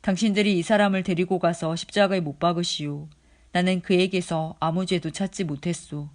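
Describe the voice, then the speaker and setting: A Bible reader voicing a stern male Roman governor in a formal, measured way. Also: medium pitch, fairly even intonation, lightly acted.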